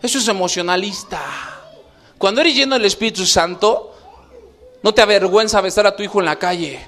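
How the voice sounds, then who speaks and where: A male pastor preaching a sermon, animated, acting out little scenes as he goes. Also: sits high, a little fast. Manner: animated preaching, acts out scenes with shifting voices.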